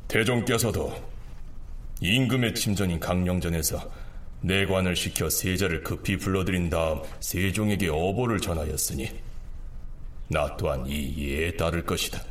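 A man's voice: low voice, lightly acted. A man playing an aging king near sixty who speaks in formal, commanding decree language. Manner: formal royal decree speech.

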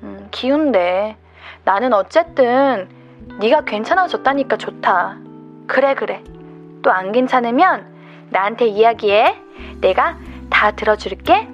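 A patient young woman friend who listens and reassures, her voice pitched a little high and soft, as a radio host acts her out. She speaks gently in a scripted radio skit, with faint music underneath. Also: expressive, measured pace, highs cut off. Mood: soothing.

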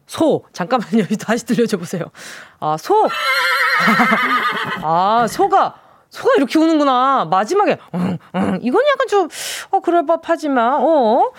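A woman's voice: high voice, dry recording. A woman radio DJ in a studio, playfully chatting and reading out listener messages. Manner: playful, chatty, reads listener texts with quick reactions. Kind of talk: casual radio show chat. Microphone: studio mic.

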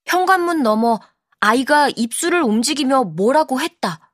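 A woman narrating an audiobook in a calm, measured storytelling manner, close to the mic. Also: high voice, no room sound. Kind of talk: scripted narration.

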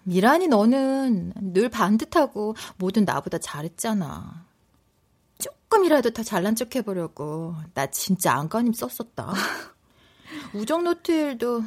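A woman's voice: medium pitch, a little mellow. An actress in her thirties playing a proud but apologetic pregnant wife in a radio drama, talking emotionally. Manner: emotional, wheedling then teasing.

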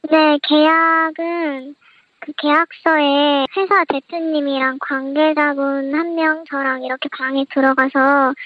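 A young woman's voice, pitched high by a voice changer and heard over a thin, tinny phone line. She recounts her experience softly and carefully, in a dry sound. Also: dry recording. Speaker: interviewee, former idol trainee.

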